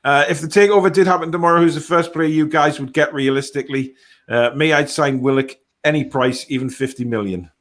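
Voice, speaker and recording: Reading and answering viewer comments on his football fan stream, this host keeps things casual, blunt, and matter-of-fact. He speaks fairly quickly, in a fairly bright voice on the high side.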